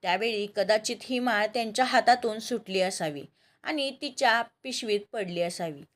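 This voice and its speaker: Calm female storyteller. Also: mid-range voice, moderate pace. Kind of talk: scripted story narration.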